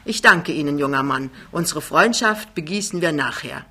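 A woman's voice: sits low, lively intonation, normal speed, heavily acted. A woman voicing a big, cheerful man who talks his way out of everything, in an audiobook reading. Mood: jovial. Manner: breezy, loud, smooth-talking. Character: big cheerful male giant, glib charmer.

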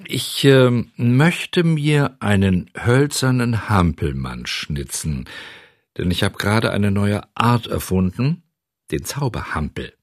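A man voicing a jolly, hot-tempered old male woodcarver in a storybook reading, excitable and easily indignant. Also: lowish voice, slow, no echo, studio quality, full character voice. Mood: cheerful.

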